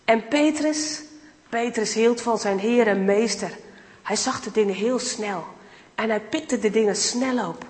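A woman's voice: a little high, unhurried, a little mellow. A woman giving an enthusiastic guest sermon, acting out Bible dialogue as she speaks. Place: church hall. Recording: reverberant hall.

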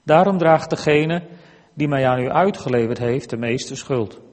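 A man reading aloud as a calm, grave teacher, steady and solemn in his own plain voice. The reading rings out in a long church reverb. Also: mid-range voice, a little slow, lightly acted.

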